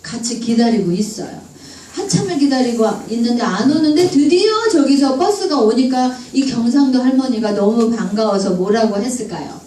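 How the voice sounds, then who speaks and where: A woman giving a lively public English lecture, asking the audience questions and acting out dialect jokes. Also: a little high, normal speed. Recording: echoey room, distant mic, faint room noise.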